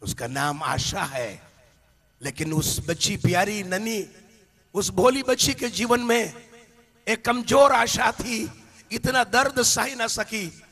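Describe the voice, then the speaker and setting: A man delivers an impassioned sermon in a high, forceful voice. He tells stories and rises to shouted peaks. The sound carries the long reverb of a big hall. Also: lively intonation, slow. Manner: impassioned, builds to shouted climaxes; storytelling with anecdotes. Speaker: preacher. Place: large hall with a live congregation.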